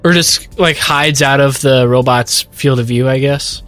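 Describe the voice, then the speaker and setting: Bright-voiced young man, playful co-host. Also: medium pitch, steady tone, unhurried, faint music behind. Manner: playful, giggly, teasing. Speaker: let's play co-host. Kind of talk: casual gameplay chat.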